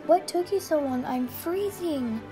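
Woman as a whiny bickering daughter, very high voice, loud music behind. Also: animated, unhurried. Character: squabbling young daughter. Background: loud background music.

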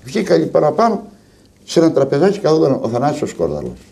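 A man with a Cretan accent tells stories in an interview, his voice swooping up and down as he acts out what people said. His tone is mellow and dark, with a gravelly rasp underneath. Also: fairly high pitch. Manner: animated storyteller, acts out dialogue. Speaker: lyra musician, interviewee. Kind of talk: storytelling in an archive TV interview.

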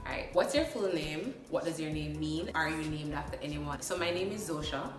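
A young Jamaican woman vlogs casually to get viewers to know her, chatting playfully, laughing often and slipping into patois. Filmed on a phone camera a short distance away in a small room, she sounds distant and reverberant; her voice sits low and brisk, with music underneath.

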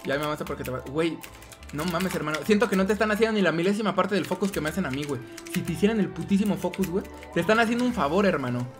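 A man's voice: high voice, lively intonation, very fast, over music. A young man with a Mexican accent streaming a game, teasing and taunting his opponent in crude casual banter.

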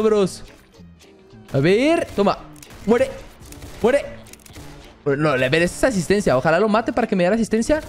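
Excitable high-voiced gaming commentator, male. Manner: excitable, addresses viewers as family. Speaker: gaming YouTuber. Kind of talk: gameplay commentary.

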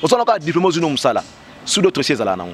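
With huge pitch swings and a fast delivery, a slightly high-voiced man in his thirties talks over slight background noise. He has a Congolese French accent and a cold, and as a street interview guest by parked cars he speaks passionately and emphatically, gesturing, heavy on "bah" fillers, into a handheld mic with a fur windscreen held by the interviewer.

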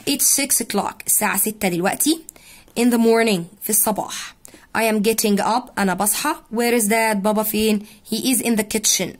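An Egyptian woman teaching English to young children. She stretches the English words out slowly, then rattles off quick explanations in Arabic. Her voice sits in a middle pitch.

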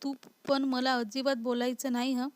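A woman voicing an indignant young wife who is easily scared and quick to sulk. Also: sits high, level tone, close to an everyday voice. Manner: indignant, sulky.

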